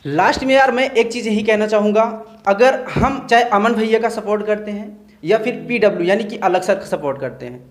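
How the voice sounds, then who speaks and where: A man's voice: sits high, brisk, echoey room. A man who is a teacher giving his earnest opinion in a discussion, often checking in with listeners as he talks. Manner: earnest, repeats "theek hai" as a check-in.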